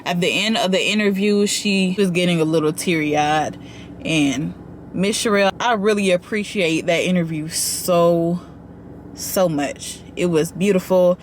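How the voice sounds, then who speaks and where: Animated woman commentator, casual and direct with her audience, faint background noise. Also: fairly low pitch. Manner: animated, talks straight to viewers with slang and asides. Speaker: commentary vlogger.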